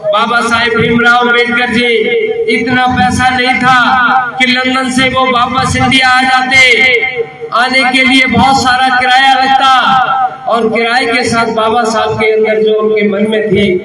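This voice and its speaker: A man giving a booming political rally speech as a candidate, oratorical, repeating phrases and calling on listeners to answer. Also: completely flat delivery, unhurried. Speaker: election candidate. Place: public election rally before a crowd. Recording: roomy distant PA sound with loud crowd.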